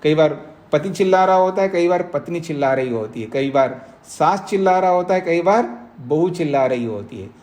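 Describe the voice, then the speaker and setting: Middle-aged swami lecturing a class. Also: male voice, on the high side, expressive, a little mellow. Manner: explains slowly with repetition and questions to the class; acts out both sides of a debate in raised tones. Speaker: swami teaching philosophy. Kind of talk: scriptural lecture to students. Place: ashram classroom.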